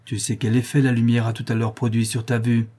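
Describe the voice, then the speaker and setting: A man's voice: medium pitch, flat delivery, brisk, mellow, husky, close to an everyday voice. A man voicing a stern male accomplice who gives firm warnings and later falters as he weakens.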